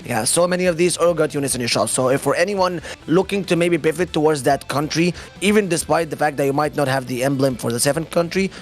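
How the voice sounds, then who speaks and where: A man doing live esports commentary, excitable, explaining the game's mechanics. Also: on the high side. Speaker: esports caster.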